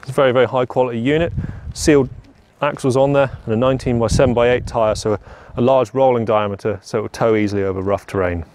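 A man's voice: medium pitch, fairly even intonation, quick pace, darkish tone, slight background noise. A young man giving a plain, practical walkaround of a farm machine outdoors on a lawn, often repeating "very, very". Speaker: product presenter. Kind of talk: product walkaround demo.

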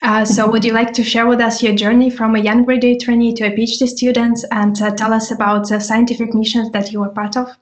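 A woman's voice: a little high, level tone, fast talker, hardly any pauses. A woman moderating an online event, thanking one speaker and politely introducing the next. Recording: echoey room, faint noise.

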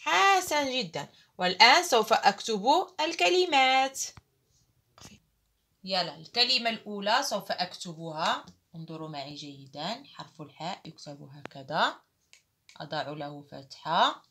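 A woman teaching Arabic writing to children, slowly calling out each syllable and praising often. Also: fairly low pitch, very animated, husky. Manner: slow, deliberate, calls out each syllable loudly.

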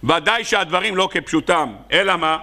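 A man with an Israeli accent, a rabbi preaching a sermon and telling parables, acting out the characters in them. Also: bright, forceful tone. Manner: storytelling, acting out characters with sudden high cries. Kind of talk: Hebrew sermon with acted parables.

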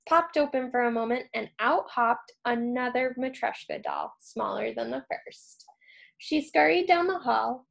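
A childcare staff member, a woman, reading a storybook aloud in an expressive storytelling manner. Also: on the high side, gravelly.

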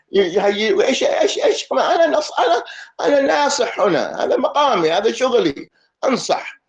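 A man teaching a lesson in a mosque as imam, playful and joking, switching between Arabic and English. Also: on the high side. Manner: playful, mixing Arabic and English, laughing asides. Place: mosque hall. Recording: echoey mosque hall, dull sound.

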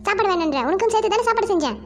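A woman voicing a stern, tired mother in a cartoon who nags her daughter with sharp questions. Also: very high-pitched, animated, rapid-fire, faint music behind. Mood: impatient. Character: scolding middle-aged mother, stern and tired. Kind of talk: cartoon voice acting.

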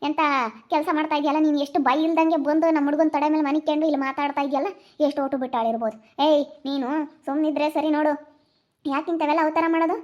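A woman playing a sharp-tongued village mother with a rural Chitradurga Kannada accent, scolding in a rapid, shrill way. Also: fairly even intonation, natural voice. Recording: muffled lo-fi recording.

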